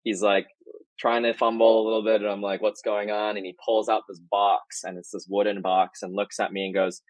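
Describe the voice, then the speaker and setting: A man's voice: fairly low pitch, little pitch movement, a little fast, no room sound, poor audio. A man, a marketing executive guest, telling a rambling anecdote in casual podcast chat and often correcting himself mid-sentence.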